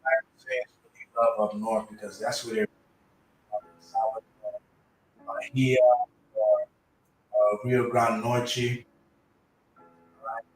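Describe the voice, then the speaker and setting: A man speaking as a guest in a casual chat, in a halting way with frequent fillers and restarts. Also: lowish voice, little pitch movement, soft background music. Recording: echoey room.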